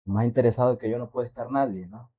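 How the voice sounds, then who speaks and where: A man on a faith podcast telling a personal testimony in a halting, reflective way, asking the listeners questions. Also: mid-range voice, mellow, slightly rough, lo-fi sound. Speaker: podcast co-host.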